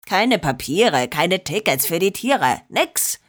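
A woman voicing a gruff male gangster who hisses and growls his lines. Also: on the low side, very animated, takes it slowly, exaggerated voice. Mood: snarling. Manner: hissing, growling.

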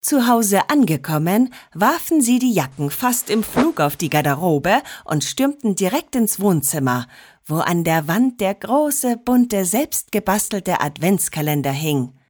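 A woman narrating a children's story in an expressive storytelling manner. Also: medium pitch, a little slow, dry recording, studio quality.

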